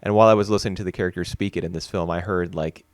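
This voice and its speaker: An American man co-hosts a podcast, chatting casually about films in a hesitant way, with frequent restarts and fillers. He speaks rapid-fire in a low-pitched voice with fairly even intonation. The recording is dry, with clean studio sound.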